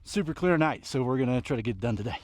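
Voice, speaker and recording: A man's voice: mid-range voice, expressive, rapid-fire, a little mellow, no echo. A man, out of breath, talking casually in short phrases about books while running outdoors. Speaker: book reviewer vlogger. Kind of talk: casual book recap vlog recorded on a run. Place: outdoors at night.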